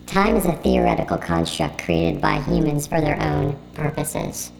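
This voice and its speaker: A woman voicing a flat, gravelly computer AI. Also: low-pitched, normal speed, noisy background, exaggerated voice. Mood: detached. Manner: flat, formal, robotic. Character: cold literal-minded AI computer.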